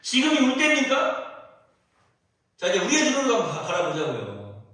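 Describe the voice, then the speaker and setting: Animated preaching man in an echoey church. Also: high voice, moderate pace. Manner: animated preaching, acting out quoted voices. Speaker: pastor. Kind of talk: sermon. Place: church sanctuary. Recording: echoey church from a distant mic.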